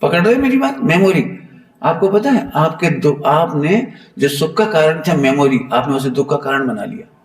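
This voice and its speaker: A man giving a Jain sermon to a seated audience, animated and playful, teasing his listeners now and then. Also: fairly high pitch, moderate pace. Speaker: Jain preacher. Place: temple hall. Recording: echoey hall, mic far off.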